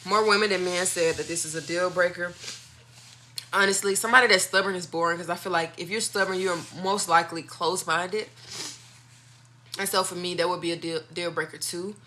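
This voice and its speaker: A woman's voice: lowish voice, steady tone, brisk, sharp tone, a little hiss or hum. A woman talking casually and candidly to viewers as a video host, giving her opinions in informal, slangy speech.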